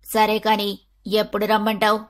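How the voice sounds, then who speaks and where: A woman voicing a greedy older neighbor woman in an animated storybook, coaxing and cajoling for money. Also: mid-range voice, normal speed, close to an everyday voice. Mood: wheedling.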